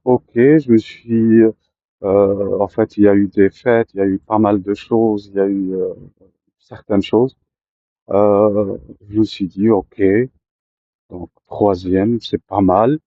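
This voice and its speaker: A man telling his own life story to listeners, often pausing with fillers and restarting his sentences. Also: on the low side, warm tone, no echo, dull audio. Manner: hesitant, many fillers and restarts. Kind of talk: personal storytelling to camera.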